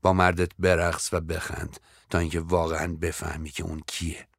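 A man's voice: deep voice, little pitch movement, gravelly, a bit bright, no echo, studio quality, exaggerated voice. A man voicing a melodramatic, self-pitying older woman who is a famous actress, stretching out her sighing lines theatrically. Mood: melodramatic sorrow.

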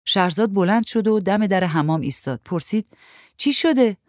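A woman narrating a short story in a measured, even reading. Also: medium pitch, dry recording, studio quality.

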